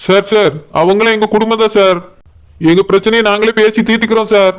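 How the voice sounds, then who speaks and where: A man's voice: high voice, little pitch movement, fast talker, clean tone, close to an everyday voice. A man voicing an anxious grown son pleading with the police. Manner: pleading, repetitive.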